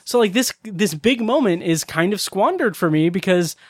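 This is a chatty male podcast co-host with a higher-pitched voice, swearing casually and rambling through his thoughts. The sound is close and dry, with no room echo. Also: lively intonation, moderate pace. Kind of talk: casual chat.

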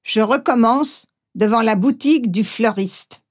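A woman reading a first-person memoir aloud, gently, acting out the voices she quotes. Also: on the high side, a little slow. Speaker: audiobook reader.

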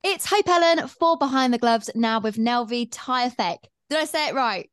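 A woman's voice: on the high side, expressive, moderate pace, slight background noise. A woman hosting an interview, asking questions in an upbeat, friendly way.

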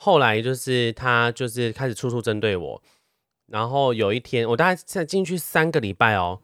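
A man's voice: mid-range voice, dry recording, studio quality. A young man, telling a workplace story in a casual podcast chat. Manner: rapid-fire anecdote teller, animated. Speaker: podcast co-host.

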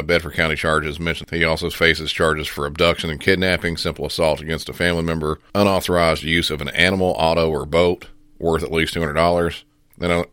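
A man's voice: a bass voice, pushed and bright, no room sound, clean studio sound. A man hosting with casual, conversational commentary. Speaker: host reviewing police pursuits.

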